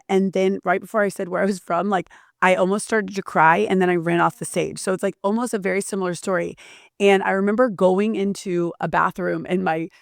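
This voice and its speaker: A woman hosting an interview, telling a personal story in an animated way with frequent restarts. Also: medium pitch, gravelly, dry recording, clean studio sound. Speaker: podcast host. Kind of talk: casual interview chat.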